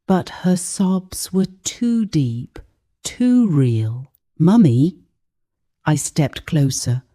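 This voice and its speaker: Slow, dark-toned woman storyteller. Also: low-pitched, very animated. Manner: slow, hushed and dramatic. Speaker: narrator. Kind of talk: scripted storybook narration.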